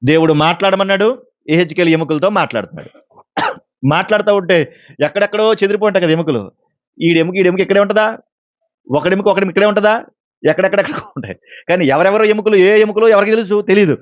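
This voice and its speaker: A man's voice: high-pitched, quick pace, long pauses, no room sound. A male pastor preaching a sermon, telling a story and asking the congregation questions. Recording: dull lo-fi sound.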